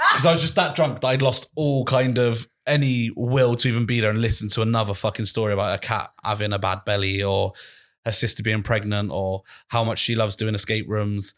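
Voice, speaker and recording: A man's voice: on the low side, fairly even intonation, normal speed, fairly bright tone. Young man, twenties, casual podcast storytelling, rambling, swears. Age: 20s. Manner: rambling, swears a lot, laughs through the story. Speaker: podcast co-host.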